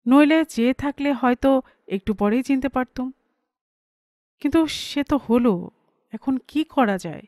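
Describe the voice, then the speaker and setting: A woman reading a first-person story aloud, in a measured, conversational storytelling manner. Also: high voice, darkish tone, dry recording, clean studio sound. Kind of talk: scripted literary narration.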